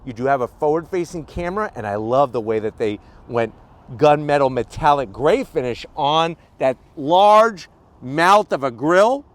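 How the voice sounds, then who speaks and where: Outdoors on a walkaround car review, a male host talks to camera in a punchy, colloquial style full of rhetorical questions and catchphrases. His voice is a little high and expressive, at normal speed.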